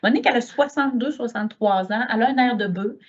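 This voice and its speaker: A woman's voice: fairly high pitch, quick pace, dull audio. Quebec French woman telling lecture stories. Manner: lively storytelling, acting out dialogue. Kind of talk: conference talk.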